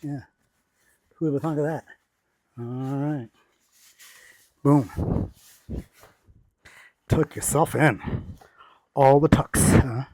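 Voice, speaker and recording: Getting dressed at home, a vlogger demonstrates his cycling rain gear with jokey, slangy self-narration in quick bursts, peppered with catchphrases and exclamations. His mid-range voice is steady and a little mellow, with drawn-out words and frequent pauses.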